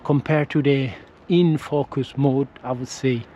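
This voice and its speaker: Here the Italian-accented man's mid-range voice sounds mellow and steady, a little slow, as he hesitantly vlogs on an outdoor walk, frequently correcting himself and starting over. English isn't his first language. His action camera with a windscreen captures audio with the highs cut off and a faint hiss or hum.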